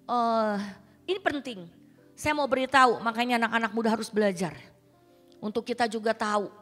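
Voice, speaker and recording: A woman's voice: fairly high pitch, a bit bright. A woman pastor, preaching a sermon in a colloquial, dramatic storytelling manner. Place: church hall. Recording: reverberant church hall with faint music.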